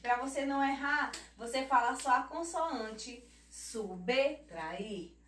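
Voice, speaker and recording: A Brazilian woman teaching young children, spelling words out slowly and checking in with them, recorded off-mic in an echoey room. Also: sits high, fairly bright tone, distant mic, a little hiss or hum. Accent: Brazilian Portuguese. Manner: slow, drawn-out word spelling with tag questions; affectionate teacher talk, calls herself auntie. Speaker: primary school teacher. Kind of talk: children's lesson.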